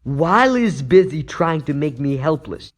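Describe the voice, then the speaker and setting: A man playing a plucky, wisecracking young superhero in a comic dub, animated and quippy. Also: on the high side, measured pace. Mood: strained, excited. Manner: quippy, animated, thinking aloud.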